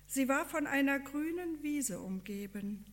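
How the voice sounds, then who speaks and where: A woman reading a devotional story aloud in a calm, measured, earnest way. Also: high voice.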